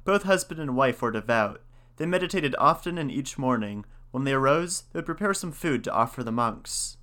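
A man reads folk tales aloud at a measured pace, then talks them over in a plain, even voice. His delivery is steady and unhurried. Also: medium pitch. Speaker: storyteller and commentator. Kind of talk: reading folk tales with commentary.

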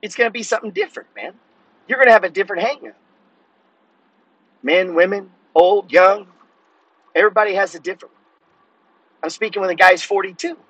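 A man in his fifties talks hard and blunt, swearing as he lectures, in a high, bright voice. There is a husky edge to it, and the room sounds dry and close. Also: moderate pace, pauses often, no echo, low-quality recording. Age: 50s. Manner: blunt, cursing, preachy. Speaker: podcast host. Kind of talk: profane motivational monologue.

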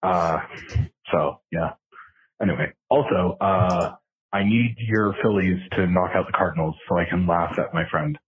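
Brief: deep male caller in a played-back voicemail, echoey and noisy with a crowd behind, casual and hesitant. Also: a little slow. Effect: recorded voicemail played back on the show. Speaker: listener leaving a voicemail.

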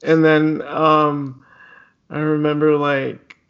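A man's voice: a little high, level tone, takes it slowly, lo-fi sound, a crowd in the background. A man hosting a podcast, asking questions over a video call, hesitant with many restarts and fillers. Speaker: podcast host.

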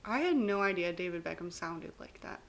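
A young woman co-hosting a podcast, easygoing and quick to laugh in casual chat. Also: fairly low pitch, animated, creaky, a bit bright. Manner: easygoing, laughs often, short replies. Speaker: podcast co-host.

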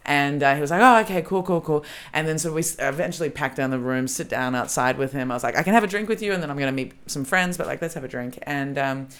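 A woman with an Australian accent telling a lively story in a casual podcast chat, acting out the lines of the people in it. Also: low-pitched, quick pace, few pauses, clean tone. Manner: animated storytelling, acting out quotes. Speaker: comedian guest.

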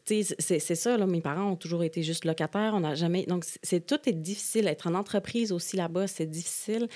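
A woman from Switzerland in her thirties, a podcast guest, talking casually with many halting restarts. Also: lowish voice, mellow. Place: indoors, podcast studio.

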